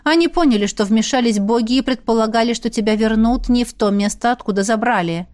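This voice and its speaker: A woman voicing a calm, caring young demoness who speaks in a matter-of-fact way. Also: on the high side, fairly quick, lightly acted.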